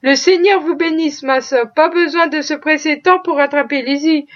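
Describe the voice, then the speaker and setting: A woman voicing a sly, boastful male stable hand who exclaims loudly and plays innocent, in a storybook reading. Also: high voice, moderate pace, close to an everyday voice. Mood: pleading. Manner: exclaiming, mock-innocent, excitable. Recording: dull lo-fi recording.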